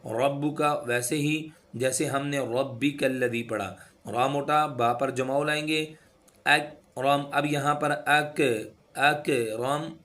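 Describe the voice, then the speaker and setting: A man teaching recitation rules, explaining each rule and then slowly chanting the words with drawn-out sounds to demonstrate. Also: mid-range voice, fairly even intonation, a bit bright. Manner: instructive, repeats sounds to demonstrate. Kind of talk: tajweed lesson.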